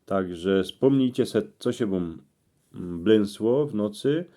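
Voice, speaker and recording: A man with a Cieszyn Silesian accent reading out interpretations in dialect, in terse phrases with pauses. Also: on the low side, expressive, mellow. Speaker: presenter explaining dream meanings.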